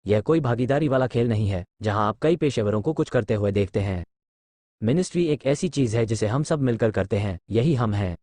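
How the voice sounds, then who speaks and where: A man's voice: lowish voice, animated, a little fast, mellow, dry recording. A middle-aged man teaching a Bible class in a lecture, explaining words step by step and telling listeners what to write down.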